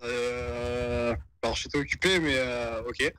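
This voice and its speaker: A man's voice: medium pitch, fairly even intonation, slow pace, pushed and bright, slight background noise. Man heard over a phone on speaker. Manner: hesitant, caught off guard, many fillers. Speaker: caller phoned by the streamer. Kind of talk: casual chat.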